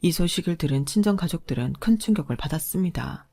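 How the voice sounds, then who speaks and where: A woman reading a first-person story as narrator in a calm, even way. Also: lowish voice, fast talker.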